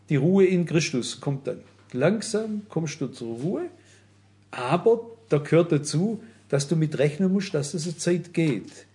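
A man's voice: on the high side, warm tone. A man preaching a sermon, earnestly addressing his listeners and often turning to them directly.

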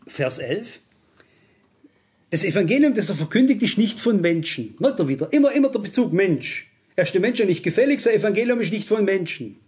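A high-pitched man preaching a sermon with strong emphasis. He is middle-aged and keeps pressing his listeners with rhetorical questions. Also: a little mellow.

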